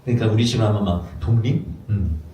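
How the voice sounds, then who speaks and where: A man preaching a sermon as a pastor, lively and acting out little dialogues in playful voices. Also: lowish voice, fast, a little hiss or hum. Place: church hall. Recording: echoey room from far off.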